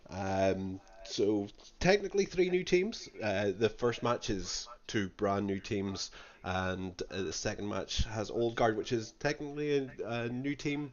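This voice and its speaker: Low-voiced hesitant male esports caster. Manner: relaxed, hesitant with many fillers. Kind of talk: casual esports commentary. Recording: muffled lo-fi mic.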